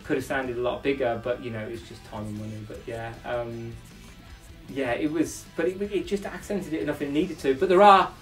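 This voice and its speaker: A male rock singer chats loosely about how a track was made, piling on fillers and false starts. His voice sits at an ordinary middle pitch and is picked up from some distance. Faint music hums in the background. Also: moderate pace. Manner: rambling, loose, with frequent fillers and restarts. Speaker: band lead singer. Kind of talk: casual interview about making a song.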